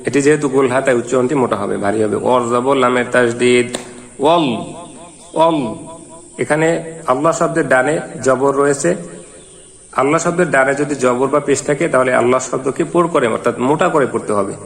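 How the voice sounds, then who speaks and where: A man's voice: medium pitch, a little fast, creaky. A man teaching Quran reading in Bengali, spelling out letters and vowel marks one by one and then chanting each verse. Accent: Bangladeshi Bengali. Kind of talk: slow spelled-out recitation lesson. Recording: long reverberant hall.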